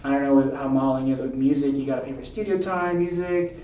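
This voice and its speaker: A podcast host asks questions in a relaxed, encouraging way, often backing the guest up with small replies. The voice is mellow and mid-pitched, recorded from a distance with a roomy ring and faint noise behind. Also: fast. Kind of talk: casual interview. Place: outdoors on a windy day.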